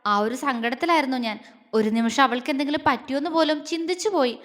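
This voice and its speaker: A gentle, affectionate young man who soothes and reassures, as a woman narrator puts him on. The voice stays high. A long reverb trails behind it. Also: quick pace. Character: gentle caring older-brother type young man.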